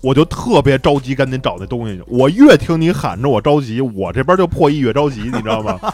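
A man's voice: medium pitch, sing-song, fast talker, darkish tone, faint music behind. A young man, a podcast co-host, animatedly retelling events in casual chat with frequent laughter.

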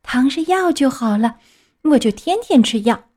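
Woman reading as a whiny, stubborn puppet boy, lively sing-song lines for a storybook. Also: high-pitched, normal speed, pitched above the performer's own voice. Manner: whining, bargaining.

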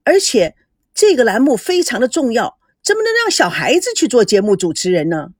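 A man's voice: extremely high pitch, wildly swooping pitch, a little fast, husky, no room sound, clean studio sound, heavily acted. A woman voicing a teasing older brother who runs a TV program.

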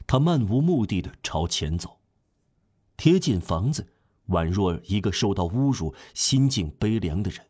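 A man narrating a classic novel as an audiobook in a steady, measured storytelling manner. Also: low voice.

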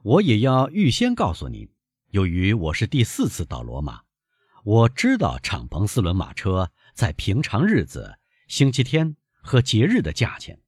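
A man reading aloud, voicing a calm, shrewd young gentleman who teases and bargains. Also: lowish voice, moderate pace, breathy edge, dry recording, studio quality, voice pushed up, exaggerated voice. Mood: bargaining. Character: young gentleman, calm, knowing, quick-witted.

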